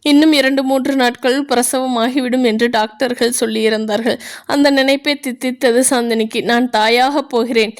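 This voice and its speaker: A woman reads a story aloud in a high, bright register. Her voice is smooth and clean, with an even storybook delivery. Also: a little fast. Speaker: narrator. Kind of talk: storybook narration.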